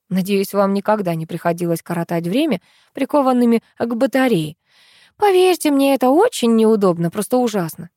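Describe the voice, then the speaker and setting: Lively woman reading a novel aloud. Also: no room sound, studio quality. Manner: lively, jumps up in pitch for exclaimed lines. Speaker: audiobook narrator. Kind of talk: first-person novel reading.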